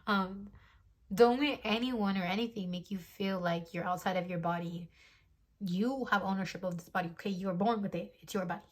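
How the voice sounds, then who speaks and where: A woman in her twenties with a medium-pitched voice and brisk pace gives the viewer a casual tarot reading over a phone mic. She rambles, fills gaps with ums, corrects herself as she goes, and speaks to the viewer directly and encouragingly.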